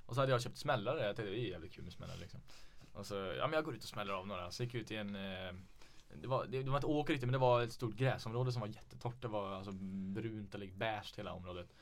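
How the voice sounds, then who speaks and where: Low-voiced young man telling stories. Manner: laid-back storytelling with frequent swearing. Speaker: podcast host. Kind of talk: casual chat.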